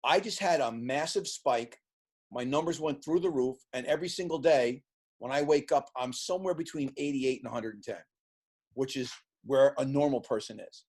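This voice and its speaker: A man in his sixties, an interview guest who tells lively stories and acts out the voices of the people in them. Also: medium pitch, moderate pace, breathy edge. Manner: animated storyteller acting out quoted voices. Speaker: interview guest, sports team executive. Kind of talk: casual storytelling in an interview.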